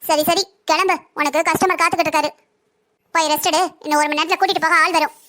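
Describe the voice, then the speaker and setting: A woman's voice: very high voice, steady tone, fast talker, pushed and bright, voice pushed down. Woman doing a blunt, scornful brothel madam. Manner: blunt, mocking, bossy. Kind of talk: cartoon story voice acting.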